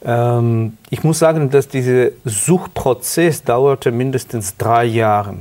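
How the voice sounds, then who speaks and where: A middle-aged man from Ukraine with a Ukrainian accent, earnestly telling his life story as a guest in halting German. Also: mid-range voice, darkish tone. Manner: earnest, halting non-native German with restarts. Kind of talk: personal testimony interview.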